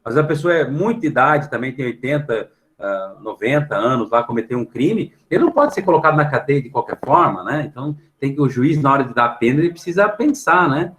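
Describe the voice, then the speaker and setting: A Brazilian man with a mid-range, expressive, fairly bright voice teaches an online class for middle schoolers, speaking with a Brazilian Portuguese accent. He explains patiently, checks in with students after almost every phrase, and fills pauses with a questioning tag. The low-quality audio comes from a computer mic on a video call.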